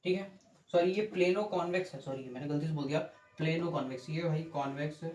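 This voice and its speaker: Male physics teacher, fairly high voice, step-by-step lecture with rhetorical checks, echoey room. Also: fast talker, darkish tone. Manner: explains step by step, asks rhetorical checks, corrects himself. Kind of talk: classroom lecture with board drawing. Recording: echoey room with faint ambient noise.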